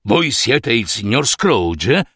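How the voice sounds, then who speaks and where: A man's voice: mid-range voice, very animated, slow, pushed and bright, husky, no echo, studio quality, exaggerated voice. A man voicing a kindly middle-aged charity collector, flustered and stammering. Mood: overwhelmed.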